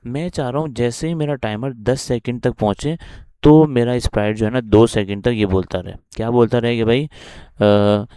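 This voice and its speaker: A man's voice: mid-range voice, moderate pace, dark tone, smooth, no room sound, studio quality. A man with a Pakistani accent teaching a coding lesson while recording his screen, walking through each step and often checking in with the listener.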